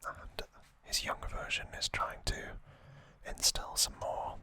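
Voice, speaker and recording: The host of an ASMR trivia channel whispers breathily and unvoiced, close to the mic, in slow, unhurried narration. She summarizes an anime saga, gently repeating words for effect.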